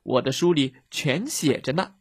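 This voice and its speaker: A man voicing an excitable male rabbit who reads eagerly from his book in a children's story. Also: mid-range voice, normal speed, husky, no echo, studio quality. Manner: reads loudly and dramatically from his book, drops to a whisper when hushed.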